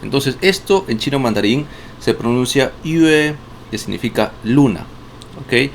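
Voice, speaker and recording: A man's voice: medium pitch, animated, moderate pace, vocal fry. A man teaching a casual online lesson, chatty, often restarting words and checking in with tag questions. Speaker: Mandarin teacher. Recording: faint background noise.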